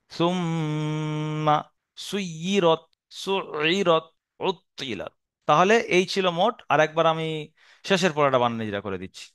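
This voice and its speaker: A man teaches Quran reading in a slightly high, smooth and clear voice. He speaks slowly and patiently, going over each rule again and again and drawing out the Arabic syllables he recites. The sound is dry and close, with no room echo. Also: a bit bright. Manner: patient, repetitive explaining with slow drawn-out Arabic syllables. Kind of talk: step-by-step recitation lesson.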